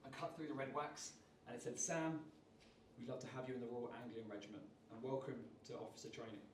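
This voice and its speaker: A man, leading a lively public speaking workshop and raising and dropping his energy on purpose. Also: medium pitch, fairly quick, noisy background. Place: large room at a live workshop. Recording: roomy sound, voice from far off.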